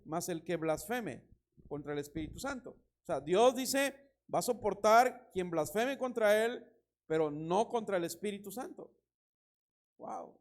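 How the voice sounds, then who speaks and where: A man preaching a sermon as pastor, reading scripture and telling anecdotes with lively emphasis and a Mexican Spanish accent. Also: high-pitched. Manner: animated preaching, reads scripture, tells anecdotes with laughter.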